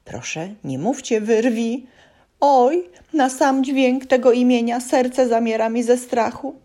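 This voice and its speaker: A woman voicing a tiny, timid male elf who pleads and stammers in a high, whimpering voice. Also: lively intonation, unhurried, a little mellow. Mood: pleading.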